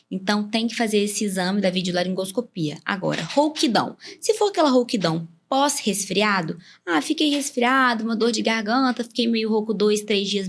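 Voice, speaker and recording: A woman ear, nose and throat doctor with a Brazilian Portuguese accent appears as a podcast guest, explaining health matters step by step with simple comparisons. Her voice is medium-pitched, and the talk is explanatory interview-style.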